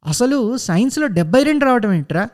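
A man voicing a furious mother who shouts and scolds her young son. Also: extremely high pitch, sing-song, brisk, pitched above the performer's own voice. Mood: shouting.

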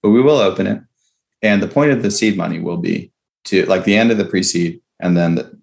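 In a conversational interview, a low-pitched man with vocal fry speaks as a startup founder. He walks through his explanation step by step, punctuating it with "right?" and "okay?".

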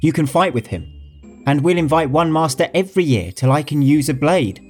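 A man's voice: a little high, lively intonation, fairly quick, a little mellow, faint music behind, pitched above the performer's own voice. A man voicing a brash, teasing young nobleman in a storybook reading. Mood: eager.

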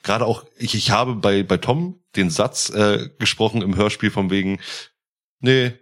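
A man co-hosting a casual podcast, telling lively anecdotes with casual swearing. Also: on the low side, normal speed. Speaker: podcast co-host.

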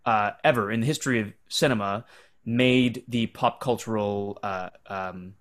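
A man's voice: lowish voice, moderate pace, fairly bright tone. A man whose first language is Telugu, chatting as a podcast guest and explaining things with emphasis. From India or Indian family from Andhra Pradesh. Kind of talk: casual explanatory conversation.

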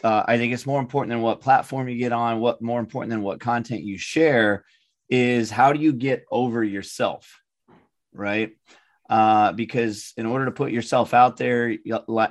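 A man co-hosting a casual interview, working his way haltingly and in a rambling way toward his questions. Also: mid-range voice. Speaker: co-host.

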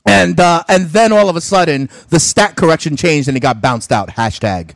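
A man's voice: a little high, normal speed, gravelly, no room sound. A young man hosting a fantasy sports radio show, chatting casually and animatedly while opening gifts. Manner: animated, exclaiming, talks with mouth full.

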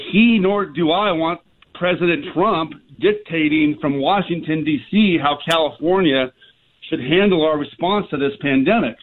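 A middle-aged man calling in to a radio show, earnestly laying out his points one by one with plenty of "you know" fillers. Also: fairly high pitch. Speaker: guest, small business owner. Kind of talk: phone-in radio interview. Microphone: telephone. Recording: tinny phone line.

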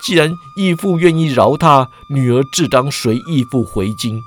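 A man's voice: mid-range voice, lively intonation, normal speed, a little hiss or hum, natural voice. A man voicing a loyal, stubborn young swordswoman who pleads earnestly and firmly. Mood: resigned.

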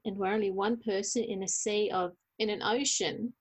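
A woman's voice: mid-range voice, steady tone, moderate pace, husky. A woman hosting a podcast, affirming and thanking her guest. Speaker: podcast host. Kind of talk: casual interview.

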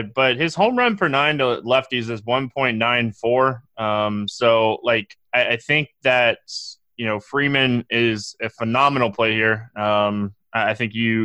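A man co-hosting a casual sports podcast, talking in a halting way with many fillers and restarts. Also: mid-range voice, pushed and bright, smooth, no room sound. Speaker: co-host.

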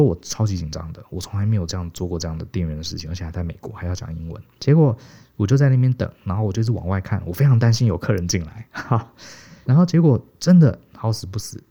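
A middle-aged man from Taiwan telling stories casually as a podcast co-host, animated and chuckling. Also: low voice, fast talker. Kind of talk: casual storytelling. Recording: dull, muffled podcast audio.

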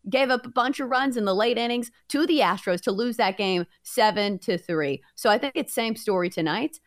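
A woman co-hosting a sports betting show, pitching her picks like a confident tipster. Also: normal speed.

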